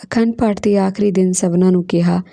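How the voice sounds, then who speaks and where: A kindly elderly village woman speaks in a soothing, tender way, as a woman storyteller voices her. Her voice is dark and gravelly. The sound is dry and close. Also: fairly low pitch, steady tone, brisk, dry recording. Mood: gentle. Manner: tender, soothing, calls the listener son.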